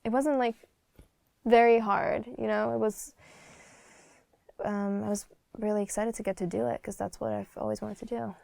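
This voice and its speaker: Slovak woman, 20s, interview guest; smooth voice with some fry, frank and talkative. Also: medium pitch, steady tone, normal speed, pauses often, a little mellow, no echo. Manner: blunt, chatty, many fillers. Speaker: guest singer. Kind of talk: casual interview chat.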